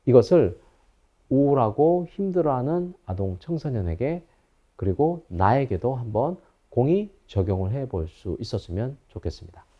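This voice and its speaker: A man's voice: mid-range voice, big pitch swings, moderate pace, muffled recording. A man in his fifties, a psychology professor, giving a recorded lecture and telling anecdotes in a storytelling manner.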